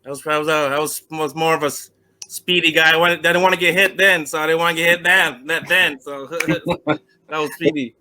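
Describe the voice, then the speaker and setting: A middle-aged man from Vermont talks about his past on a call. His voice is bright and very clear, sitting a little high for a man. He stumbles, restarts and fills gaps with "uh" as he goes. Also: steady tone. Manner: halting, many restarts and fillers. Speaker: guest, former semi-pro football player. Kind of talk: casual interview answers.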